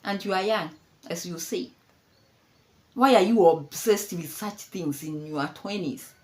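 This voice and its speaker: Speaking unhurriedly in a lowish voice, a commentary vlogger from Kenya in her fifties delivers casual, mocking remarks. She laughs frequently and says things more than once.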